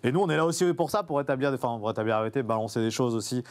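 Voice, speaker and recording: A man's voice: mid-range voice, expressive, very fast. A man hosting a casual talk show, who rambles and often restarts his sentences. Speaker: host.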